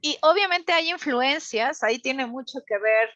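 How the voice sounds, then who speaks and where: A woman's voice: sits high, lively intonation, unhurried, a bit bright, dry recording, highs cut off. A woman with a central Mexican Spanish accent, chatting as a guest and explaining things carefully with examples. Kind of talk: casual chat.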